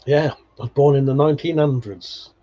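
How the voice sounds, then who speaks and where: Here's a man in his forties running a live stream: he reads viewer comments, laughs often, swears without restraint, and keeps things casual and nostalgic. His pitch is medium and his tone steady and warm, delivered fairly quickly. The audio is dull lo-fi stream sound.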